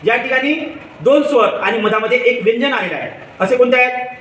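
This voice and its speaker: A man giving a children's phonics lesson, slowly spelling out letters and asking the viewer questions, then answering them himself. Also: very high-pitched, fairly bright tone, slight background noise. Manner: slow, patient, spells letters one by one. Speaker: teacher. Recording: echoey room, far from mic.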